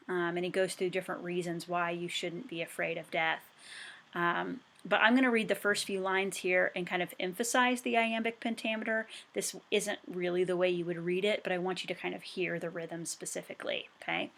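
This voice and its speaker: A woman teacher explaining poetic forms to students, reading poems aloud slowly and carefully. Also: lowish voice, fairly even intonation, vocal fry, a bit bright. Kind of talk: recorded online poetry lesson.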